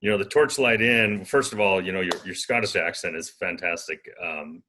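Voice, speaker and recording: A man's voice: sits low, normal speed, noisy background. A man hosting a business interview in a friendly, enthusiastic way.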